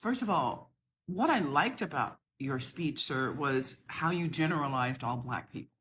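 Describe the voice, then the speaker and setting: Woman, middle-aged, from the southern US, deep tone, very animated delivery, emphatic to-camera rebuttal. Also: measured pace, slight background noise. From southern United States. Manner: impassioned, emphatic, lecturing. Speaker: social media creator. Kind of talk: talking to camera, responding to a video.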